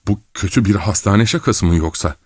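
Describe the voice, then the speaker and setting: A man's voice: fairly low pitch, a little fast, darkish tone, breathy edge, dry recording, clean studio sound. A man voicing a shaken middle-aged father who stammers and strains, near breaking. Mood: outraged.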